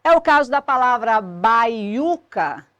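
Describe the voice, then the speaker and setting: A woman, explaining a grammar lesson clearly and methodically as a teacher. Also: a little high, very animated, slow pace, a bit bright, no echo, lo-fi sound.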